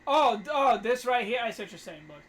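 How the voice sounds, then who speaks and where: A man's voice: extremely high pitch, expressive, fast, fairly bright tone, a little hiss or hum. A young man co-hosting a podcast in casual, slangy chat, laughing often. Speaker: podcast co-host.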